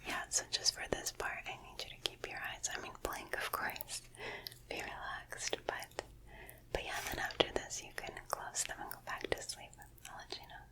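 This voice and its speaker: A woman in a whispered role-play as a painter guiding a sitter, speaking gently and soothingly right in the listener's ear, lingering on and repeating words into a close binaural microphone. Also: normal speed, poor audio.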